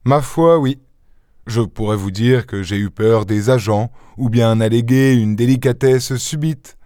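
A man reading an audiobook voices a boastful, witty gentleman thief with theatrical exclamations. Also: medium pitch, measured pace, smooth, no room sound, clean studio sound, close to an everyday voice. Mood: rueful. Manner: theatrical, exclaiming, mock-indignant.

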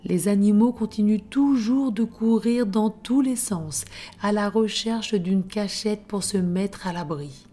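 Slow, soft-voiced woman telling a bedtime story. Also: medium pitch, faint music behind. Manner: soft, hushed, often whispered. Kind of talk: scripted bedtime story narration.

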